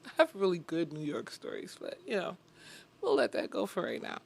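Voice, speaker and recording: Male host, Brooklyn accent, fairly high voice with a lot of pitch movement, jokey and repetitive. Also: a little fast, gravelly, slightly rough. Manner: animated, joking, repeats himself. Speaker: interview host. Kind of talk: casual interview chat.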